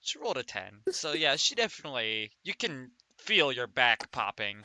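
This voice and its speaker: A man narrating as game master for a tabletop game, in a relaxed, loose way. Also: medium pitch, normal speed, dry recording.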